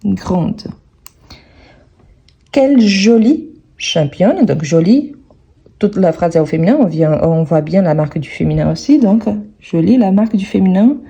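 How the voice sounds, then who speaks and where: A woman works through a grammar exercise as a French teacher, saying each word slowly and more than once. Her voice is husky and breathy, with a very dark, mellow tone. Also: on the low side, lively intonation, highs cut off. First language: Portuguese. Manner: slow, careful, repeats each word several times.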